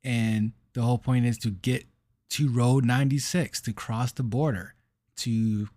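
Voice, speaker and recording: Man, podcast co-host, slow and halting, dry close mic, casual game chat. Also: medium pitch, fairly even intonation, darkish tone, no echo. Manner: slow, halting, searching for words.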